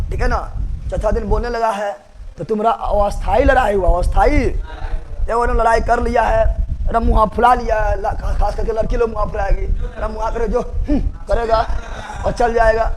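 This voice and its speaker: A man's voice: sits high, slight background noise. A man teaching a chemistry class, repeating key words and asking students to answer back, with joking asides. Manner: repetitive call-and-response teaching, joking asides. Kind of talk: classroom lecture.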